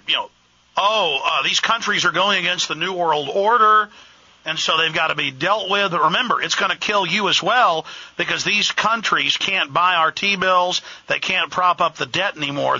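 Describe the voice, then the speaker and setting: A man's voice: high voice, vocal fry, bright, forceful tone. A man hosting a talk radio show, interrupting often and talking emphatically. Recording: lo-fi radio broadcast.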